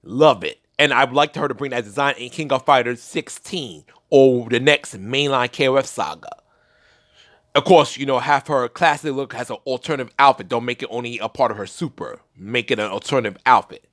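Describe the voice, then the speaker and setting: A man's voice: medium pitch, fairly quick, fairly bright tone, dry recording, clean studio sound. A young man giving casual solo commentary on a fighting game, rambling with restarts and fillers. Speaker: gaming commentator.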